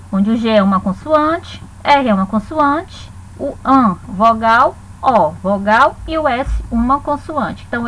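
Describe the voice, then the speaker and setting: A woman, a teacher giving a recorded grammar lesson and spelling out syllables slowly, one by one. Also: high-pitched, a bit bright, a little hiss or hum, rough recording. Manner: slow, spelled-out dictation of syllables. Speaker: Portuguese teacher.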